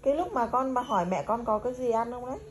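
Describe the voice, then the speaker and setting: A woman's voice: fairly high pitch, expressive, fast talker. A woman in a casual family chat, prodding a child with teasing questions. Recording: echoey home room, faint noise.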